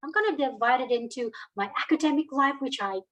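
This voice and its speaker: High-voiced woman, hesitant and chatty. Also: lively intonation, quick pace, poor audio. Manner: hesitant, many fillers and restarts. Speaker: alumna guest. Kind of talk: casual interview answers.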